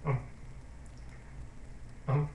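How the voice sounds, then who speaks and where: Talking extremely slowly, a man confides in his camera for a casual diary-style YouTube vlog, sentimental and hesitant, full of fillers and false starts. The sound is muffled and distant, with a roomy echo and a faint hiss or hum.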